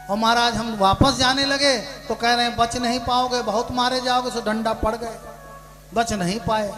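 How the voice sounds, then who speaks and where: A male preacher telling a parable in a sermon, switching between quiet storytelling and loud shouted lines. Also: sits high. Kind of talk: sermon storytelling with acted dialogue.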